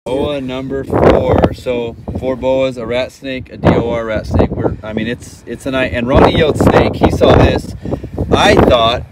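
A man hosting a wildlife vlog outdoors at night, giving excited, awestruck casual commentary with swearing and short repeated exclamations. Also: mid-range voice, a little slow. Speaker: snake-hunting wildlife vlog host. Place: outdoors on a windy road at night. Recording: loud wind noise on outdoor mic.

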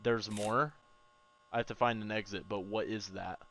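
A man in his twenties, a game streamer, reacting live to horror games with excitable, profane chat, frantic repeated words and yelps, on a headset mic at home. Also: fairly low pitch, normal speed, a little hiss or hum, poor audio. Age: 20s. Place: home room, indoors.

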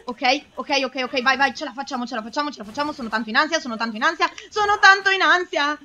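Young woman, high voice, anxious let's play commentary, lots of pleading. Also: very fast, pushed and bright. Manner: anxious, exclaims and pleads with the game. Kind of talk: excitable gameplay commentary.

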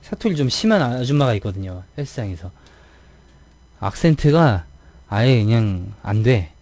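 A man's voice: medium pitch, sing-song, moderate pace, darkish tone, dry recording. A man from the Gyeonggi region of South Korea, chatting casually with his live viewers as a game streamer, throat a bit tired, playfully mimicking how other people talk.

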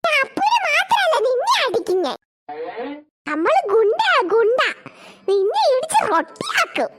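A woman's voice: extremely high pitch, huge pitch swings, normal speed, a crowd in the background, heavily acted. A woman voicing a bragging little preschool boy who acts like a thug, with a childish squeal. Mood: boastful. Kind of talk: cartoon voice acting.

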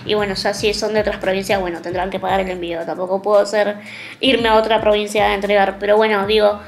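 Creaky-voiced young Argentine woman vlogger. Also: mid-range voice, level tone, fast. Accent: Argentine (Rioplatense). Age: young adult. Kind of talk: casual chat to camera. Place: small room at home.

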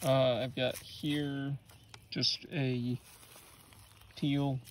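A man's voice: mid-range voice, level tone, drawn-out words, slight background noise. A young man in his twenties, a small business owner, talking casually to a phone camera outdoors in the woods, rambling with many fillers and restarts. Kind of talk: casual vlog talk. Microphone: phone at arm's length.

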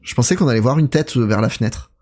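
A man's voice: mid-range voice, animated, very fast, a little mellow. A man giving live commentary while he plays a horror game, chatty and talking straight to his viewers, reacting aloud to the scares. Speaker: horror game let's player.

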